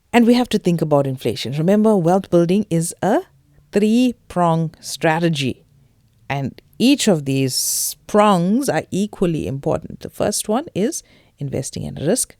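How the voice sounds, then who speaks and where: A woman's voice: deep voice, mellow, no echo, clean studio sound. A woman from South Africa with a Durban Indian English accent, hosting a podcast in an emphatic, conversational way and addressing listeners directly. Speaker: podcast host. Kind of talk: conversational financial podcast presenting.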